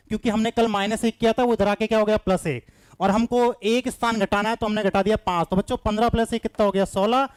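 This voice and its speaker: A man's voice: extremely high pitch, clear, resonant tone, no echo. A man teaching a live online class, coaxing students and reading out their answers by name.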